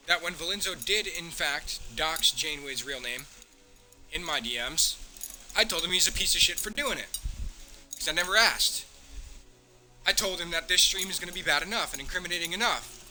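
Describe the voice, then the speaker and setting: A man is heated and ranting on a livestream, swearing often as he reads messages aloud. His voice sits a little high and sounds bright and forceful. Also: animated, normal speed, long pauses, soft background music. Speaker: streamer.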